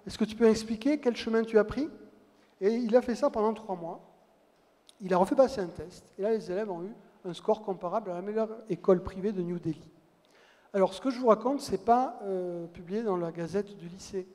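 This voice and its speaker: High-voiced man lecturing in a hall. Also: brisk, warm tone. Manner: storytelling with wry asides. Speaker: conference speaker. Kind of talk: public lecture. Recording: long hall reverb.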